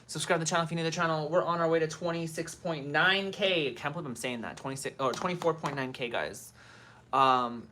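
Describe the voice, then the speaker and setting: A woman's voice: sits low, brisk, a bit bright, a little hiss or hum. A woman in her thirties hosting a casual livestream at home, greeting commenters by name while doing her makeup. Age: 30s. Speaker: livestream host. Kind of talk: casual live-stream chat.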